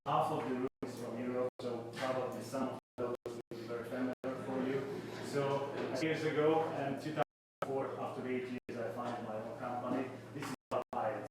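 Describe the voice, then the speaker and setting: Hungarian-accented man pitching in an echoey room. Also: fairly even intonation. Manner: halting, self-deprecating, with filler restarts. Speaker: startup founder pitching. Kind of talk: live pitch presentation. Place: event space at a tech meetup. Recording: echoey room, mic far off, noisy.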